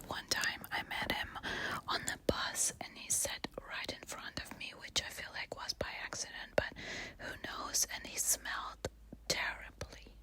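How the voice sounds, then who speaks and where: Quiet whispering woman, slow late-night storytime. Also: rough recording. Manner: casual, candid, swearing freely.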